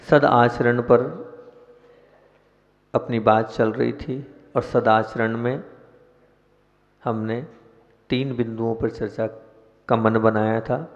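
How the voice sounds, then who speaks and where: Male monk preacher, slow and gravelly, questions the congregation, dull reverberant hall recording. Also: mid-range voice. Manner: slow, measured, asks the listeners questions. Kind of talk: sermon with chanted invocation.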